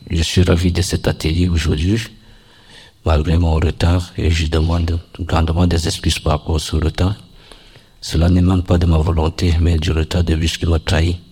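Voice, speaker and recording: A man speaks in a very deep, husky voice. He talks slowly and evenly, keeping a flat, steady tone. His testimony is formal and earnest, with carefully chosen words. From Cameroon. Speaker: workshop participant giving testimony.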